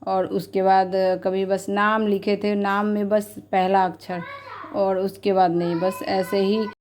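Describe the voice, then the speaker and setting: Woman, 30s, home vlog, chatty, heartfelt, narrow pitch range. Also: level tone, a little slow, darkish tone, a little hiss or hum. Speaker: vlogger. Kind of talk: casual vlog narration.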